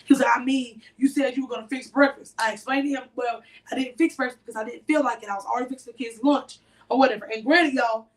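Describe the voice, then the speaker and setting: Animated woman telling a story, distant mic. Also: a little high, fast, hardly any pauses. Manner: animated, addresses listeners directly. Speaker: podcast co-host. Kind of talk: casual storytelling to listeners.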